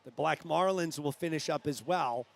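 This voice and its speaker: A man with a New England accent calling a youth swim meet live, brisk play-by-play that rises at the finishes. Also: a little high, gravelly. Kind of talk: live sports commentary.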